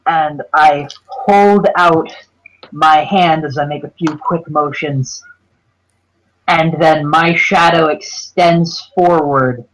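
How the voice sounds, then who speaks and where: A man plays a tabletop game, laying out his moves in a careful, measured way. He talks slowly, and his voice sits a little high. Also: fairly even intonation, a bit bright, poor audio. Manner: deliberate, measured, explains actions step by step. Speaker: player. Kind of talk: casual tabletop game play.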